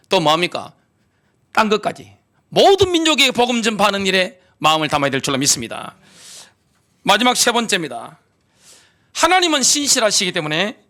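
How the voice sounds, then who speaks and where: Middle-aged male pastor, Gyeongsang accent; high, animated sermon delivery with rhetorical questions. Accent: Gyeongsang Korean. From Gyeongsang region, South Korea. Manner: emphatic preaching with rhetorical questions.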